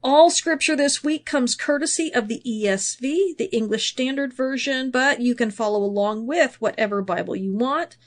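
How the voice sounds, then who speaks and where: A woman's voice: high voice, moderate pace, few pauses. A woman hosting a podcast, her sinuses congested. She teaches Bible background in a chatty, self-deprecating way, with asides and fillers, and reads scripture aloud. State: congested, sniffling from draining sinuses. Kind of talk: casual spoken teaching, reading scripture aloud.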